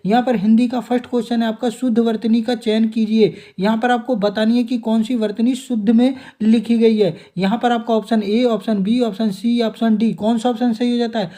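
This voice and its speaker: Running an exam review, a young man with a very high-pitched, warm voice reads out quiz questions and answer choices before revealing each answer. He frequently addresses his audience as friends.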